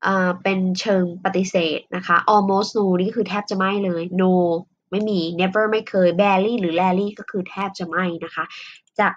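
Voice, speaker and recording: A woman teaching an English listening lesson, explaining in her own language and reading English examples slowly and carefully. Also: medium pitch, little pitch movement. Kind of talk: recorded online lesson. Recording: dull lo-fi recording with faint noise.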